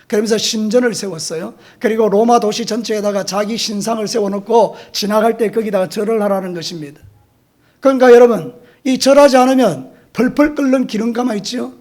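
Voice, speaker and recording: A male pastor preaching a sermon, telling vivid stories and rising to loud emphatic declarations to his congregation. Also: sits high, vocal fry. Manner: vivid storytelling, calls out to the congregation.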